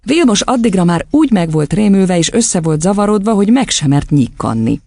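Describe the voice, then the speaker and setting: A woman narrating an audiobook in measured storytelling. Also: medium pitch, very animated, vocal fry, a little mellow, no room sound, clean studio sound.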